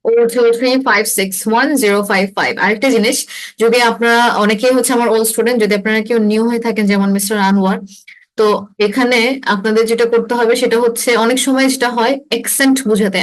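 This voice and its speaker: A young woman teaching IELTS gives an online class lecture in a fairly high voice, explaining material and mixing in English phrases. The recording is rough.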